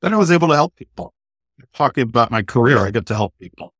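A man's voice: medium pitch, expressive, fast, a bit bright, no echo, studio quality. A man answering questions as a guest on a podcast, in short, plain, earnest sentences. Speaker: podcast guest, note buyer. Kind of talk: conversational podcast interview.

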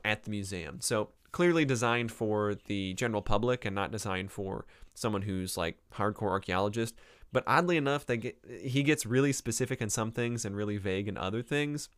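A man's voice: on the low side, a bit bright, clear, resonant tone, dry recording, studio quality. A man hosting a casual book review podcast as an anthropology professor, chatty and digressive with frequent ums and uhs, recorded live from his home library.

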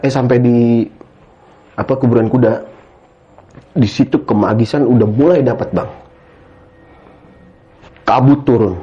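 A man with a warm, medium-pitched voice tells a story as a guest in a casual conversation. He rambles, keeps tacking "gitu ya kan" onto his sentences, and calls the listener "Bang," all on a dull, lo-fi recording.

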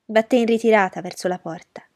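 A woman narrating in the first person as the heroine of a radio drama, measured and emotional. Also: mid-range voice, a little mellow, dry recording, clean studio sound.

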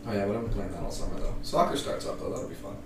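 A man's voice: on the low side, animated, quick pace. A man joining a casual podcast as a guest, talking in a dry, offhand way. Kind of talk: casual chat. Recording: distant mic, echoey room, faint hiss.

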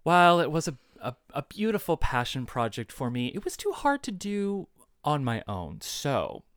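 A man's voice: on the high side, huge pitch swings, moderate pace, a bit bright, no echo, clean studio sound. A man hosting a podcast in casual, playful chat, joking at his own expense. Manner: playful, laughing, self-mocking. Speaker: podcast host.

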